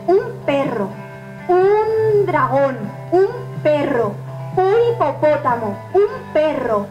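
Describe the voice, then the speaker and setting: Young woman magician, very high voice, playful and coaxing, echoey hall with music behind. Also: big pitch swings, takes it slowly, muffled recording. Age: young adult. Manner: playful, repeats words, coaxes the crowd. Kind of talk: lively stage patter with an audience. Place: care home common room, indoors.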